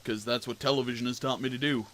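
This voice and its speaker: Brief: male let's-play commentator, mid pitch, rambling and self-mocking. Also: steady tone, fast talker, a bit bright, a little hiss or hum. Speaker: gamer playing a detective game.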